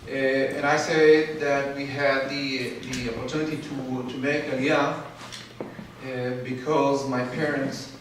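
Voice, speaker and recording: A man from Ethiopia, probably in his forties, telling his life story as a guest speaker. He talks haltingly and pauses for fillers often. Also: medium pitch, little pitch movement, a little hiss or hum. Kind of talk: personal story speech. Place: large hall. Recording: very echoey hall from far off.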